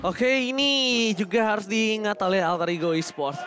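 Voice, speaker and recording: A man with an Indonesian accent commentating an esports match like a fighting game announcer, excitable and dramatic, dropping in English catchphrases. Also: sits high, normal speed, heavy background noise. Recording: loud music behind the voice.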